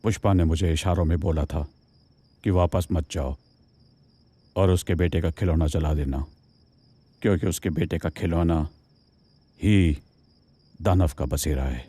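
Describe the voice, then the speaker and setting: A man voicing a deep, husky kindly villager. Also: measured pace, long pauses, no room sound. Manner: calm, explaining. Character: kind older village man who helps people.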